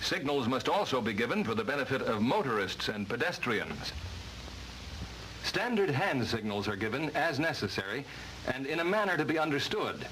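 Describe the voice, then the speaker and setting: An American man narrates what sounds like a scripted 1950s training film, the soundtrack noisy and vintage. At normal speed and mid-range pitch, his bright, forceful voice swings lively as he reads in a formal, emphatic way.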